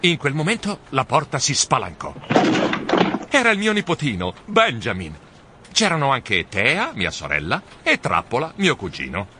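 A man reading a children's storybook aloud in the first person, with animated, expressive delivery. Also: medium pitch, moderate pace, background noise. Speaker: audiobook narrator.

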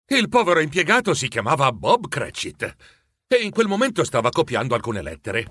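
Expressive man reading a storybook. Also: fairly high pitch, moderate pace, no echo. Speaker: narrator. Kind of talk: storybook narration.

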